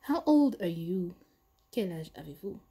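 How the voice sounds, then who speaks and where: A woman giving an English lesson, modelling phrases slowly and carefully. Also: fairly low pitch, very animated, mellow, slightly rough. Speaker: English teacher. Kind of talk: language lesson.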